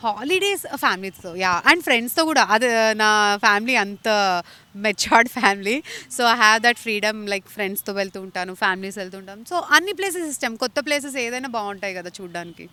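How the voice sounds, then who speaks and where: A woman's voice: mid-range voice, animated, brisk, sharp tone, slight background noise. A young woman from India answering interview questions earnestly and mixing English phrases into her speech. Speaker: actress interviewee.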